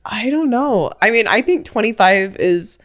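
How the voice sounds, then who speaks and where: Chatty and animated, this twentysomething podcast co-host from Utah keeps the casual conversation full of "like" and repeats her own thoughts as quotes. She speaks a little slowly in a mid-range voice.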